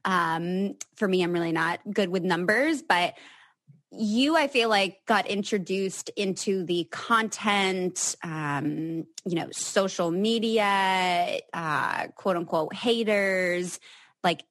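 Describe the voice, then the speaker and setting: A woman's voice: medium pitch, takes it slowly, fairly bright tone. A woman in her twenties hosting a casual interview podcast, asking meandering questions and affirming her guest often. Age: 20s. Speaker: podcast host.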